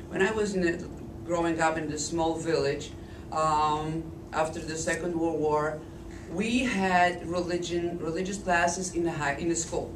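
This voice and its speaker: Giving oral history testimony, a fifties-aged woman from Poland tells her life story with a Polish accent, low-pitched and hoarse from a cold. She goes slowly and carefully, often restarting, and a far-off Flip camcorder makes the audio echoey and noisy.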